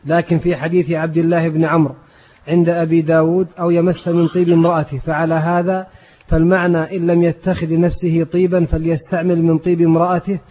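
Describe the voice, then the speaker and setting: A man reading a classical commentary aloud to a sheikh in a steady, formal recitation. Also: on the high side, quick pace. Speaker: reader of the text. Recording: dull lo-fi old tape.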